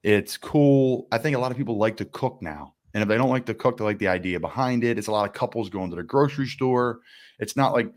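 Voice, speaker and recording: A man in his twenties hosting a casual interview, talking with enthusiasm and quick asides. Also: mid-range voice. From United States. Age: 20s. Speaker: podcast host.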